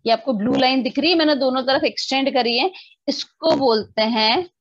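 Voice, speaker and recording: A woman's voice: sits high, normal speed, no echo, highs cut off. A woman teaching a physics class online, explaining step by step, mixing in English definitions and checking often whether her students have understood.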